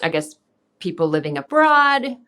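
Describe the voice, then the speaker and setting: Podcast co-host: a woman, lower pitched, who explains customs calmly with words mixed in. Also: unhurried. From central Taiwan. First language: Mandarin. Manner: explains thoughtfully, slips Mandarin terms into English. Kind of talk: casual chat.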